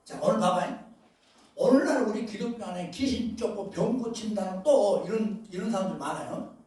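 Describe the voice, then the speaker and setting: A male pastor preaching a sermon, emphatic, with loud bursts and asides, often questioning his congregation. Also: high voice, moderate pace. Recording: very echoey hall, voice far from mic.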